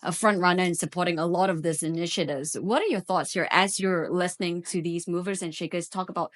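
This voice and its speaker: A woman's voice: on the low side, steady tone, fairly quick. A woman hosting and moderating a panel discussion, affirming speakers and prompting guests for their stories. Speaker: host.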